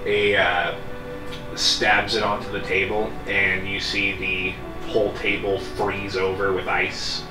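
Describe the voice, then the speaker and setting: Male game master, slightly low voice, halting casual storytelling, roomy sound with music underneath. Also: little pitch movement, far from the mic. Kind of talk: improvised tabletop game narration.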